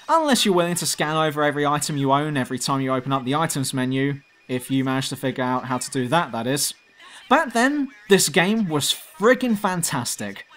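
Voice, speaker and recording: A man's voice: a little high, a bit bright. A man narrating a scripted video game review as host, blunt and sardonic.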